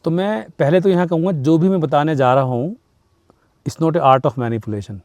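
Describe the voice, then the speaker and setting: A man's voice: a little high, moderate pace, darkish tone, dry recording. A man giving advice in a talk show, emphatic, acting out little dialogues and mixing in English phrases. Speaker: guest speaker.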